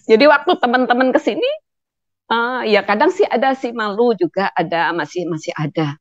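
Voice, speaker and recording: A woman's voice: fairly high pitch, animated, moderate pace, no room sound. Emotional middle-aged woman, dull dry sound. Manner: emotional, laughing often while telling. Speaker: guest. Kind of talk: testimony interview.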